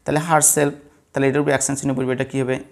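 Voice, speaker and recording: A male teacher from Bangladesh gives a classroom-style lesson, asking his students questions and answering them himself. His voice has a gravelly, creaky edge at a middle pitch. He talks patiently and repeats each rule several times. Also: level tone, rapid-fire. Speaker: English teacher. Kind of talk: blackboard lesson explaining word stress.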